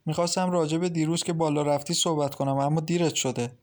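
A man's voice: a little high, steady tone, lightly acted. A man voicing a stern, irritable middle-aged mother-in-law who speaks curtly in an audiobook.

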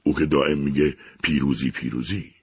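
A man voicing a cruel, lying talking machine, slow, heavy and harsh in its speech. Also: rumbling low, fairly even intonation, a little mellow, husky, dry recording. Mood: cold, gloating.

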